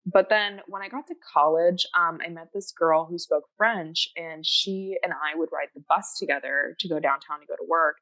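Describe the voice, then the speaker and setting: Bright and forceful in tone, this low-pitched woman speaks at a moderate pace with few pauses. A native Japanese speaker appearing as a podcast guest, she chats casually and eagerly, rambling with many fillers and restarts, on a low-quality recording.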